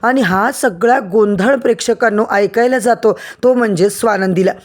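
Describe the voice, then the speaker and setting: A woman's voice: medium pitch, moderate pace, a little mellow. A woman narrating an episode recap of a TV serial, addressing viewers directly in a storytelling manner.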